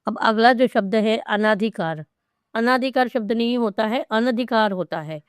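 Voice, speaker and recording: A woman teaching a spelling lesson, spelling out each word slowly and carefully, part by part. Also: mid-range voice, smooth, dry recording, studio quality. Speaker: Hindi teacher.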